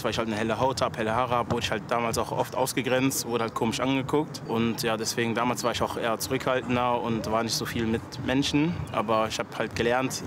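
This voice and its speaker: A man in his twenties from Germany giving a relaxed interview statement with many fillers, outdoors in town. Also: medium pitch. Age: 20s. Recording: outdoor street noise behind.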